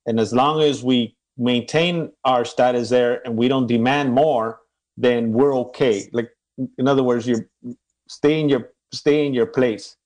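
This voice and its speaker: A man's voice: mid-range voice, steady tone, measured pace, a little mellow. A man being interviewed, talking thoughtfully with many restarts and repeated words. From Mexican American. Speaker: interview guest, academic. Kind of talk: conversational interview.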